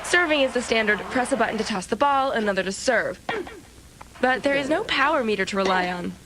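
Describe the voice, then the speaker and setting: A woman's voice: medium pitch, background noise. A woman co-hosting a video game review show, reading scripted reviews with dry, wisecracking jokes. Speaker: TV show co-host.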